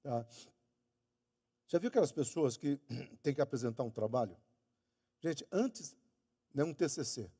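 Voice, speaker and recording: A man's voice: lively intonation, a little slow, pauses often, dark tone, breathy edge. Emphatic Brazilian male preacher in an echoing hall. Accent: Brazilian Portuguese. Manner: emphatic, stretching key words and raising pitch on quoted lines. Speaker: pastor. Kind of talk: sermon. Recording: long church hall reverb.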